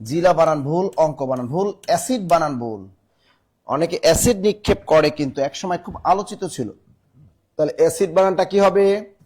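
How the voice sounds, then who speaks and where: A male teacher with a Bangladeshi Bengali accent runs a live online spelling class in a high-pitched voice. He spells words out letter by letter and keeps pressing his students to answer quickly. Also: darkish tone, breathy edge. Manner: brisk, urging students to answer fast.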